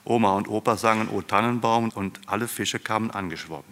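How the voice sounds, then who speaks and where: A man with a low voice reads a story aloud with a dry, deadpan delivery. His voice rings with a long reverb, as in a large hall. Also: fairly quick. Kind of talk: storybook reading.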